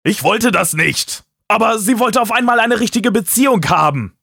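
A man's voice: high voice, lively intonation, moderate pace, vocal fry, pushed and bright, slightly rough, dry recording, clean studio sound, pitched above the performer's own voice, full character voice. A man voicing a young male friend in an audiobook, defensive and pleading, in a raised voice. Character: young man, angry friend who lied.

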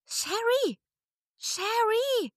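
A woman voicing a tiny young female fairy-like creature who is brave and close to tears, in a high, eager little voice. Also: moderate pace, dry recording. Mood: calling. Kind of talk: audiobook character voice.

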